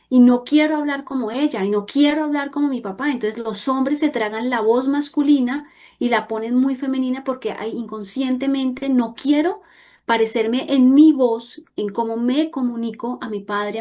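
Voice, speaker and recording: A woman's voice: a little high, darkish tone. A woman speaking earnestly in a reflective talk about personal growth, stressing points with rising emphasis. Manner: earnest, emphatic, at times raising her voice for stress.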